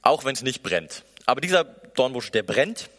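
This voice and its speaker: A man's voice: mid-range voice, sing-song, normal speed, a bit bright. German preacher man in a reverberant hall. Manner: conversational, acts out inner voices. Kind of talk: sermon. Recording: echoey hall with long reverb.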